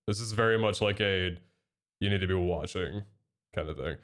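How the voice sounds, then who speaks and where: A deep-voiced young man, somewhat nasal from a cold, chats with his live-stream audience at a moderate pace. Excitable and talkative, he reads chat messages out and thanks people who subscribe.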